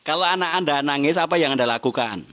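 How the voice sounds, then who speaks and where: A man's voice: on the high side, fast talker, a bit bright. A middle-aged man gives a motivational seminar talk, teasing the audience with questions and laughing along. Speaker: business motivational trainer.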